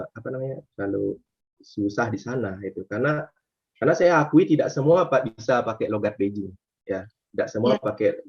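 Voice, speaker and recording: A man, working as a tour guide, answering interview questions casually, with many hesitations and fillers, lively when he acts out his guests. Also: lowish voice, vocal fry, husky. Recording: slightly muffled lo-fi recording.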